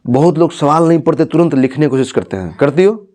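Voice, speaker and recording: A man's voice: a little high, lively intonation, quick pace, warm tone. A man teaching and counseling a student, talking encouragingly and checking her understanding with questions. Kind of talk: motivational talk to a student.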